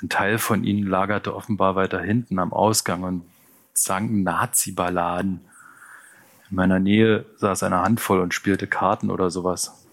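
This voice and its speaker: Low-voiced man reading an audiobook. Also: level tone, moderate pace, a bit bright. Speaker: audiobook narrator. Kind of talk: scripted narration.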